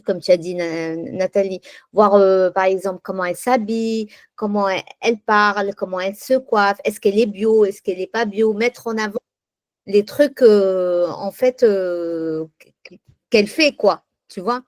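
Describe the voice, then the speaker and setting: A woman taking part in a casual group training chat, talking in a lively, encouraging way. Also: mid-range voice, moderate pace, no echo.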